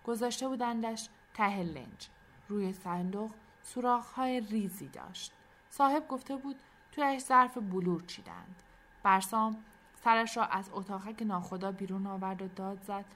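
Woman reading a story out loud, soft almost whispery narration, bright clear tone. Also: mid-range voice.

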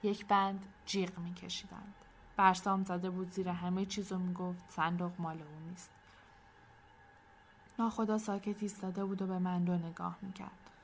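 A woman narrating a storybook in an expressive, clear storytelling manner. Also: medium pitch, slight background noise.

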